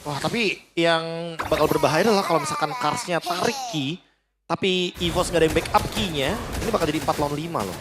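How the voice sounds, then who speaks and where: High-voiced Indonesian male esports analyst. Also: quick pace, noisy background. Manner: mixes in English gaming jargon. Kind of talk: live mobile game match commentary.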